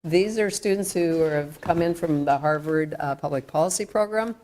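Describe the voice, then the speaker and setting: Low-voiced woman chairing a council meeting. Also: moderate pace, a little mellow, a little hiss or hum. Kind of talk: chairing a work session. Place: council chamber.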